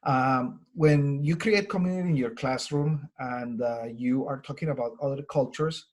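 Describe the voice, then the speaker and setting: Husky man with a Colombian accent. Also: mid-range voice, darkish tone. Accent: Colombian Spanish. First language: Spanish. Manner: earnest, conversational, frequent fillers. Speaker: language teacher presenter. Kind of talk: webinar presentation.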